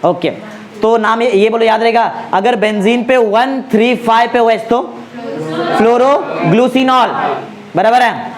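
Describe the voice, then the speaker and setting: A male chemistry tutor lecturing a class, drilling students with constant check-in questions and slowly repeating key names for emphasis. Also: very high-pitched, steady tone, a crowd in the background.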